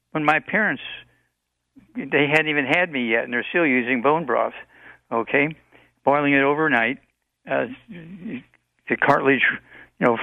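A man in his eighties giving rambling, halting health advice on a call-in radio show, with many fillers. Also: medium pitch, creaky, dry recording, narrow, tinny audio. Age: 80s.

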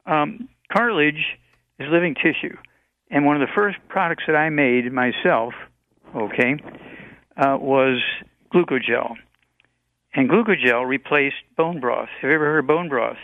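Gravelly eighty-something man, halting advice. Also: fairly high pitch, no echo, phone-quality sound. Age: 80s. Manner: rambling, halting with many fillers. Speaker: health radio show guest expert. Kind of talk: call-in radio advice.

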